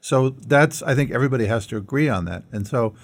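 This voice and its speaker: A middle-aged American man co-hosts a conversational podcast, speaking earnestly and posing rhetorical questions. His voice is mid-range and creaky, and he talks fast.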